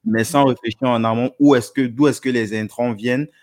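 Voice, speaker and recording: A man hosting a casual interview, asking questions in a halting way with many fillers. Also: mid-range voice, steady tone, a little mellow, no echo, studio quality. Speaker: podcast host.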